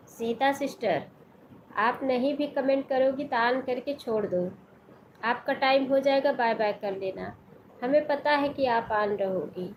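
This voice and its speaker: A woman's voice: high-pitched, a little slow, a little hiss or hum, low-quality recording. Chatty woman greeting live-stream viewers. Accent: Hindi with Awadhi region background. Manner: greets viewers by name, reads comments aloud.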